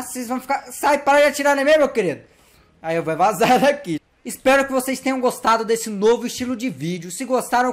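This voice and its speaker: A man commentating on gameplay for YouTube keeps it slangy and playful, speaking directly to the characters and getting excited when things get intense. His voice is high.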